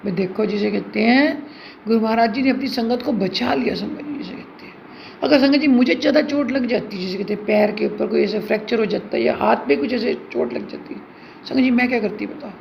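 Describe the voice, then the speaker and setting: A woman's voice: fairly high pitch, brisk, creaky. A middle-aged woman giving an earnest devotional testimony and addressing her listeners again and again. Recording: dull lo-fi recording with faint hiss.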